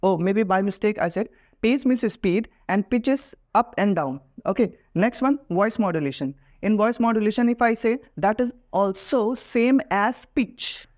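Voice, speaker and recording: A man's voice: high voice, drawn-out words. A man with an Indian accent teaching a lesson in a casual, explanatory way, mixing Hindi and English. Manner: explanatory, mixes Hindi and English, acts out example voices.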